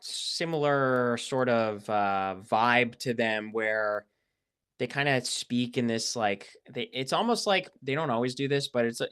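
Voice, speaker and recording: A man hosting a casual podcast, speaking thoughtfully with hesitant pauses and fillers. His voice is smooth and resonant. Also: mid-range voice, a bit bright. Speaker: podcast host. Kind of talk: casual discussion.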